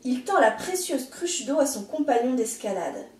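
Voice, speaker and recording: A woman teacher reading a picture book aloud in an expressive, gentle storytelling manner, in an echoey room. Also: sits high, normal speed, recorded from a distance.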